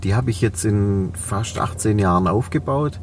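On a podcast, a man in his forties who owns a cleaning company speaks reflectively in a Swabian German accent, using many fillers. His voice is on the low side at normal speed, picked up from a distance with slight hiss or hum.

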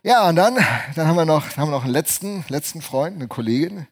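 Husky, animated male preacher. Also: a little high, quick pace. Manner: animated, swings between hushed and loud voices. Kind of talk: lively sermon with acted voices.

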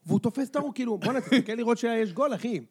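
A man co-hosting a casual sports podcast, excitable and quick to jump in. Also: very high-pitched, a little hiss or hum. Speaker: podcast co-host.

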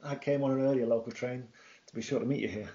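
A man's voice: medium pitch, fairly even intonation, fast, warm tone, dull audio, natural voice. A man voicing a playful older brother who teases and jokes. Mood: teasing. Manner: wry, teasing.

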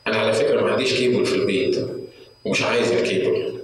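A man with an Egyptian Arabic accent preaching a sermon in a church hall, emphatic, breaking into high-pitched outbursts and rhetorical questions. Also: fairly even intonation, very fast, distant mic, a little hiss or hum. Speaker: pastor. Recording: echoey hall, voice from afar.

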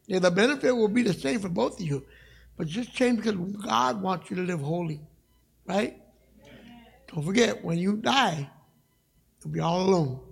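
Preaching as a guest evangelist in a church sanctuary, this middle-aged man has a raspy, high-pitched voice. He speaks with passion in a conversational style, joking with those gathered.

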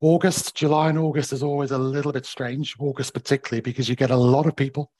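A man with a croaky, hoarse, still-recovering voice, explaining things haltingly as a company director being interviewed. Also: mid-range voice, level tone, a little mellow, no room sound. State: voice recovering from bruised vocal cords. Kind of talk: conversational market update interview.

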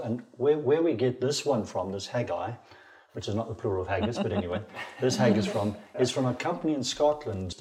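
A man's voice: medium pitch, a little mellow. Chatty man, enthusiastic, chuckles and rambles a bit, voice jumps around a lot. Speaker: host. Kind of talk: casual talk and poem reading.

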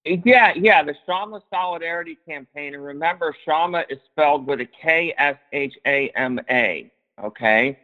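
Guy on a choppy phone line calling into a show, tinny, rambly, a bit high-voiced. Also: moderate pace. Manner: rambling, hedging, swears casually. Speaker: caller. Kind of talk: casual call-in chat.

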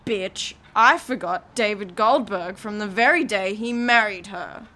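A woman's voice: mid-range voice, measured pace, bright, forceful tone. A woman reading the part of a snobbish, proud, senile old woman in an audiobook, with a scornful, boastful manner. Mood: haughty, scornful.

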